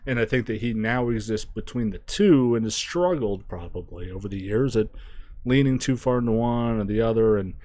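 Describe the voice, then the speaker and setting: A man giving a casual spoken album review, thinking aloud, restarting phrases and trailing off quietly. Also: on the low side, animated, normal speed. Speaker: music reviewer.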